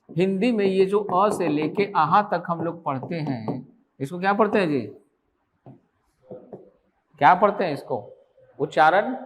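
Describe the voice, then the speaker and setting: In a high-pitched voice, a man leads an online exam-prep grammar class. He keeps peppering students with questions and answers most himself, running the lesson as a steady back-and-forth drill.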